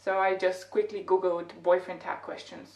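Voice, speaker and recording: A woman's voice: fairly low pitch, flat delivery, a little fast, a little mellow. A young Bulgarian woman in her twenties with a Bulgarian accent, chatting and asking questions in a casual couple video, laughing often. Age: 20s. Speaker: vlogger host. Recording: roomy echo, mic at a distance, faint noise.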